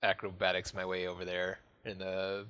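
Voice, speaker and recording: A man playing a tabletop role-playing game, talking loosely with lots of fillers and now and then shouting a line in character. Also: sits low, monotone, normal speed, smooth, muffled recording. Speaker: player. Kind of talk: tabletop game play, casual.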